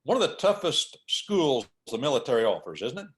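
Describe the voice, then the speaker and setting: With big swings in pitch, a mid-range voice, and a slightly fast delivery, the man hosts a talk on faith and order. He presses his points through repetition in an emphatic, preacher-like way.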